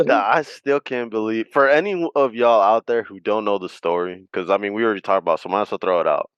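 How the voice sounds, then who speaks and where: A man co-hosting a podcast in casual chat, an animated storyteller who swears freely. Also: lowish voice, fast, clean tone, no room sound, highs cut off. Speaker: podcast co-host.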